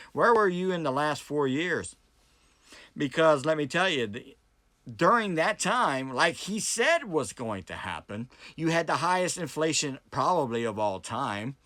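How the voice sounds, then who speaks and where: Mid-range and a bit bright, the voice belongs to an American political commentary vlogger and debate host giving a blunt, unscripted monologue. He presses his opinions emphatically, repeats points, and poses rhetorical questions to viewers, and the audio has no echo.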